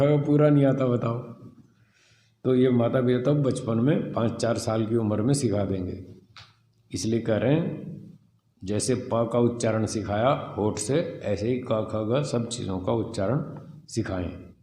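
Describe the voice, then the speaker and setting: A man teaching a scripture class, reading a passage and explaining it slowly, sounding out letters one by one. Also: fairly low pitch, dark tone, roomy sound, big-room sound. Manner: slow, deliberate, spells out sounds and letters. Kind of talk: explanatory lesson reading and commenting on a text.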